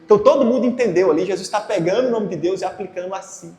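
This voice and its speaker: A high-pitched man delivers a teaching sermon. He keeps asking his listeners rhetorical questions. His voice rings through a roomy, echoing hall with a long reverb tail. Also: rapid-fire, darkish tone. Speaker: preacher. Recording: echoey hall.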